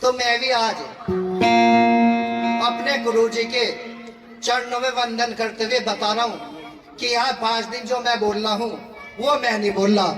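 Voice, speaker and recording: A man's voice: very high voice, a bit bright. A man preaching at a religious gathering, telling a devotional story in a conversational way and chuckling at times. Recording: echoey hall from far off.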